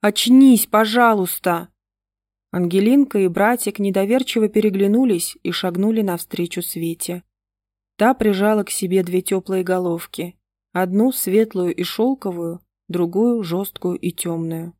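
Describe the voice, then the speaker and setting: A woman narrating a story in an even, measured reading. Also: mid-range voice, no room sound, clean studio sound. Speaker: audiobook narrator. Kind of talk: scripted narration.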